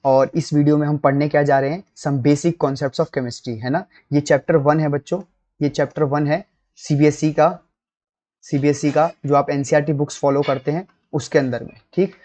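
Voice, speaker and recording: A man with a somewhat high voice gives a chemistry lecture to school students. He talks directly to them as kids and often pauses to ask whether they are following. It sounds like a recorded lesson read from slides. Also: steady tone, warm tone. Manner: addresses students as kids, checks in with "theek" and "hai na". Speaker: chemistry teacher.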